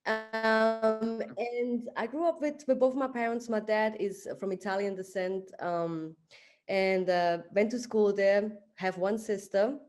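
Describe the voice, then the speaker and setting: A woman's voice: mid-range voice, slow pace, soft background music. Woman telling her story. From Switzerland. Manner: relaxed, many fillers like "like" and "um". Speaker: podcast guest. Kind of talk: casual interview storytelling.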